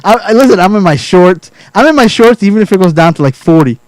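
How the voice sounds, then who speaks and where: Male host, high and bouncy voice, playful, quick to laugh, acts out quotes. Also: lively intonation, a little mellow, dry recording, rough recording. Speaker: podcast host. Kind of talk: casual joking chat.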